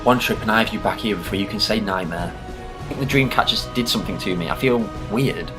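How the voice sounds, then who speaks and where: Man playing the Doctor, low-voiced theatrical Time Lord. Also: fast talker, over music, natural voice. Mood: bewildered. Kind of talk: audio drama acting.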